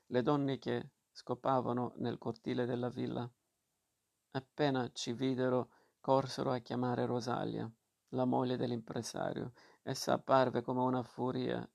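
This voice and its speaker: A man reading a novel aloud as narrator, steady and measured, with occasional slips. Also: medium pitch, creaky.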